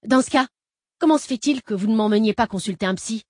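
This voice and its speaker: A woman reading an audiobook voices a defiant, swearing teenage boy who shouts back at a captor. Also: fairly high pitch, quick pace, slightly rough, dry recording, clean studio sound, voice pushed up. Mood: furious.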